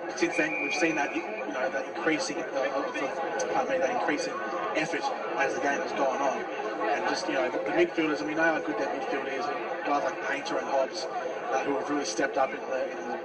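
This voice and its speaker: A man with an Australian accent giving live radio football commentary and analysis, his voice rising with excitement on big plays. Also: mid-range voice. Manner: voice rises into excited drawn-out exclamations on big plays. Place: outdoors at a football ground, above fans. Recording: distant outdoor mic, loud crowd. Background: loud crowd.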